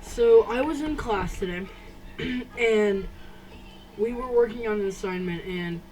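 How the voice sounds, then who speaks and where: A teenage girl telling a personal story to camera, halting, with many restarts and fillers. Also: mid-range voice, a little mellow, distant mic, poor audio. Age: teens. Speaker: vlogger. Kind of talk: casual storytime.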